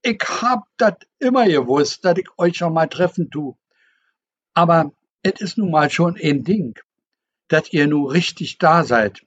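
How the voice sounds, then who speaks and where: A man reading as a booming old fisherman. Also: expressive, unhurried, slightly rough. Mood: hearty. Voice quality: booming, dialect-flavored folksy speech. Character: booming old male fisherman, hearty and teasing. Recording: dull lo-fi recording.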